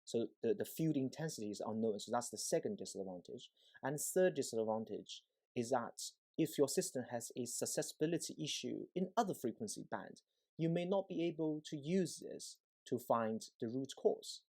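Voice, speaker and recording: This presenter is an EMC engineer whose medium-pitched voice sounds warm and animated as he moves at a moderate pace. Walking through a technical demo informally, he repeats words for emphasis and regularly asks "right?" or "okay?" to make sure listeners follow.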